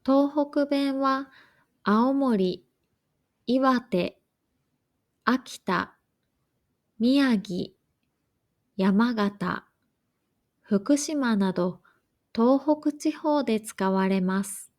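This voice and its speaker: A woman reading a scripted lesson for learners in a slow, careful, even way. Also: on the high side. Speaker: language teacher.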